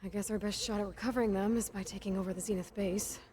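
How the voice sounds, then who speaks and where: Over game music, a young woman performs a resolute young female hunter, staying steady as she questions things directly. She talks fast in a mellow, natural, medium-pitched voice with a steady tone.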